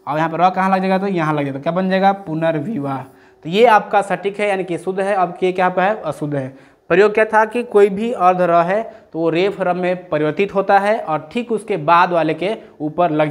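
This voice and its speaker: Young male tutor, high voice, exam-prep lesson, keeps quizzing the viewer. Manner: drills students with repeated rhetorical questions. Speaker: teacher.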